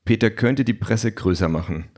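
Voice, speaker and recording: A man's voice: lowish voice, moderate pace, darkish tone. A man narrating an audiobook with a dry, ironic delivery.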